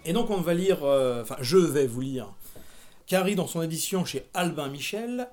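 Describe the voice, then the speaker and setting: A man's voice: on the high side, animated, moderate pace, darkish tone. Man reading a novel aloud. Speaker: podcast host reading a novel.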